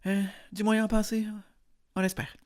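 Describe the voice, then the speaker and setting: A young man with a Quebec French accent, hosting a podcast as a deadpan mock interview, rambling with many hesitations. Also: high-pitched, normal speed. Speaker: podcast host.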